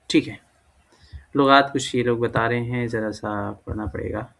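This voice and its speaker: A man talks through a language lesson in an easy, unhurried way. His voice carries a gravelly edge at mid pitch. He thinks aloud, trails off into fillers and stops to correct himself. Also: fairly even intonation, a bit bright. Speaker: language teacher. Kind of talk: casual screen-recorded lesson.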